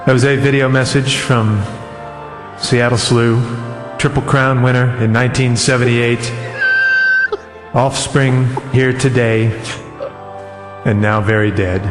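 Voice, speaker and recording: A man's voice: medium pitch, steady tone, a little slow, long pauses, roomy sound, big-room sound, music in the background. A man radio host delivering a mock-solemn eulogy.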